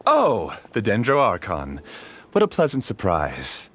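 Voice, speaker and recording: An actor playing a polite, scheming researcher villain in a video game, theatrical and measured. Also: male voice, fairly low pitch, wildly swooping pitch, fairly bright tone, a little hiss or hum, heavily acted. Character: courteous, scheming male researcher villain, husband, calmly arrogant.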